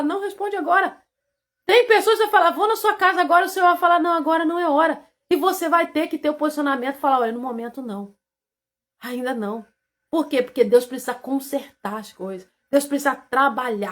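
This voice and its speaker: A Brazilian woman preaching a devotional message with a high, bright voice. She is fervent, dropping into hushed asides and then rising to loud, emphatic cries. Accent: Brazilian Portuguese.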